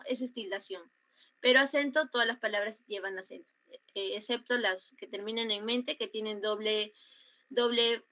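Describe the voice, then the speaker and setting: A young woman with a Peruvian Spanish accent giving an online grammar class, explaining slowly with many fillers and repetitions over a computer mic. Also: mid-range voice, bright, forceful tone. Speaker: student tutor teaching grammar. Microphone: computer mic on a video call.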